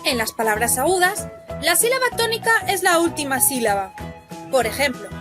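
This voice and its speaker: A woman with a Spain Spanish accent narrates a scripted children's grammar video, slowly stretching out the spelling of each example word. Her voice is high-pitched and very animated, and loud children's music plays behind her.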